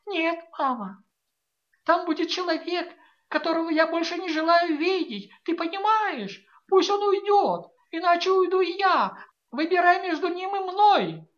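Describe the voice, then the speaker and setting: A woman's voice: sits high, lively intonation, slow, a bit bright, lo-fi sound, voice pushed up, heavily acted. A woman reading an audiobook voices a tearful, pleading young daughter who speaks with theatrical pathos. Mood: insistent.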